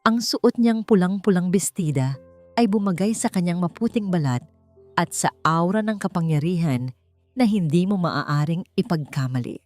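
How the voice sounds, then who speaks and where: With faint background music, a woman reads a romance story aloud as an audiobook. Her delivery is expressive and storytelling in style, at a normal pace, climbing higher when the drama builds.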